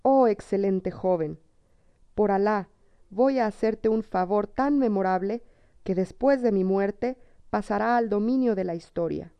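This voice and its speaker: A woman's voice: medium pitch, measured pace, clear, resonant tone, no echo, natural voice. A shrewd, commanding king from an old storybook, grave and stern in manner, read by a woman. The sound is dull and lo-fi, with a dry, close feel. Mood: solemn.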